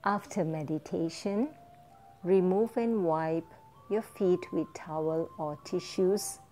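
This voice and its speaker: A woman teaching a guided foot-soak meditation, giving gentle step-by-step instructions. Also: lowish voice, slow pace, soft background music.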